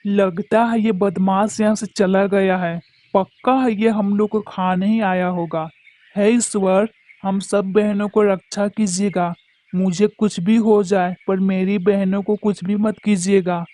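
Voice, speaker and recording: A woman's voice: medium pitch, steady tone, unhurried, dark tone, no echo, natural voice. A woman voicing a brave young girl bird chick in a cartoon, defiant and pleading by turns.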